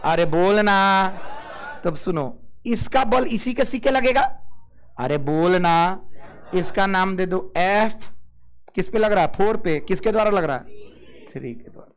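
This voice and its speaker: High-voiced physics teacher. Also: male voice, lively intonation, normal speed, gravelly. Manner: keeps asking the class "yes or no?" and calling students "babu"; mixes English physics terms into Hindi. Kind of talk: classroom lecture.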